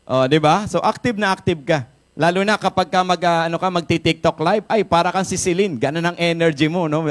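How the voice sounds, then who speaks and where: A man with a Filipino accent giving an energetic, jokey product talk to a live audience, often asking the crowd questions. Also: fairly high pitch. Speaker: product seminar speaker. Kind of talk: lively sales pitch to a live audience. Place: event room with a live audience.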